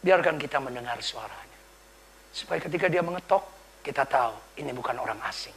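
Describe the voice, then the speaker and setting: A man preaching a dramatic sermon, retelling a story and acting out its voices, dropping to whispers and rising to shouts. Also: mid-range voice, animated, a little fast. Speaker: pastor.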